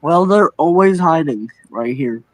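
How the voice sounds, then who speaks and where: Slow, hesitant young man. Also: a little high, expressive, dry recording, poor audio. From Czech Republic. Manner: hesitant, many fillers and restarts, asks questions. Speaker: caller. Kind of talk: live-stream casual chat.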